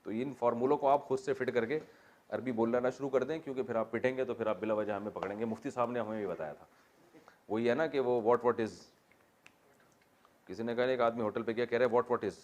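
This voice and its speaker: A man teaching a classroom lesson on Quran exegesis, taking his students through Arabic word forms. He keeps asking the class questions and drops in light joking asides as he goes. His voice sits at an ordinary middle pitch for a man. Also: fairly even intonation, a little mellow.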